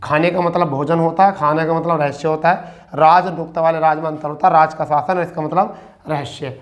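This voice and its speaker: A man's voice: fairly high pitch, fairly even intonation, a little fast. Repetitive, coaxing male Hindi teacher. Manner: repetitive, asks and answers own questions; addresses students as beta. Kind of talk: online exam-prep Hindi lesson.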